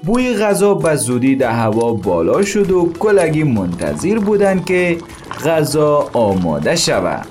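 A man's voice: on the high side, sing-song, a little mellow, soft background music. A man telling a Bible story to his daughters as a father. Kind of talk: storytelling to children.

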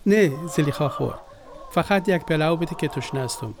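Brief: a friendly, devout visitor in a radio play, Afghan Dari accent, earnest and higher-pitched. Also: male voice, expressive, noisy background. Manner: earnest storytelling. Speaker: visiting friend who retells a story. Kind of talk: radio drama acting.

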